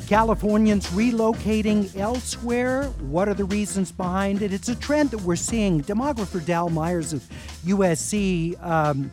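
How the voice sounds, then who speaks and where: High-voiced sixty-something radio host. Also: male voice, unhurried, music in the background. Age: 60s. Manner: relaxed and chatty, with easy laughs. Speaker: radio call-in show host. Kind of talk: hosting a call-in radio talk show. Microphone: studio microphone, dry sound.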